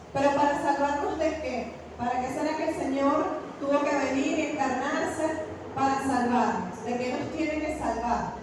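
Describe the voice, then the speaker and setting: A woman preacher with a high voice, telling her story dramatically and rising into proclamations at a charismatic retreat. She sounds far from the mic in a large, echoing hall with a long reverb and faint noise behind. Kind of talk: charismatic sermon with personal testimony.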